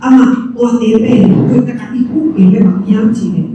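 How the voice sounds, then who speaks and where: In a church hall, a woman gives a lecture on self care with slides, mixing in English terms and laughing lightly now and then. Her voice is on the high side, fast and dark in tone. The recording is dull and distant, with hall echo and a little hiss or hum.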